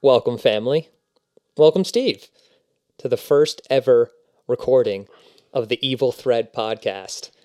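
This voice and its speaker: A man's voice: medium pitch, normal speed, dark tone, dry recording, studio quality. Upbeat man co-hosting a podcast. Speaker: podcast co-host. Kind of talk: casual chat.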